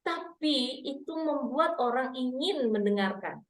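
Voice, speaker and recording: A woman's voice: sits high, expressive, unhurried, roomy sound. A woman public speaking coach teaching an online workshop, demonstrating vowel drills aloud.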